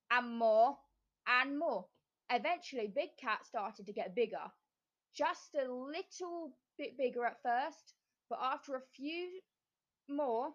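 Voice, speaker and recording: Slow, gentle woman reading a storybook. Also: on the high side, dull audio. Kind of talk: reading a children's story aloud.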